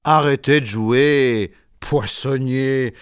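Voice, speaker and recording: A man playing a slow, firm head chef. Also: mid-range voice, smooth, no room sound, clean studio sound. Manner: firm, commanding. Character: stern adult male head chef running a kitchen brigade. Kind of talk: scripted textbook dialogue.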